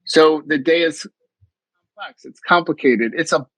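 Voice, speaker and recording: A middle-aged mindfulness coach from the US East Coast, here a podcast guest, tells his story in an interview with an earnest, reflective manner, often beginning sentences again. His voice sits a little high with a fairly bright tone, and he talks a little slowly. The recording is dry and the audio poor.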